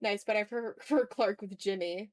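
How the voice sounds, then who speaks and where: A woman with a mid-range voice chats briskly during an art livestream, reading out comments as she draws. Her talk is informal and rambling, with some profanity and self-deprecation, and there's no echo.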